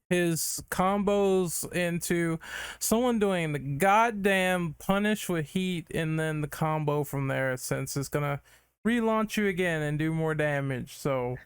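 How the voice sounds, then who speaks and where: A man's voice: a little high, slow, clean tone, dry recording, studio quality. A man hosting a gaming podcast in casual chat, running the questions and swearing casually. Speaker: podcast host.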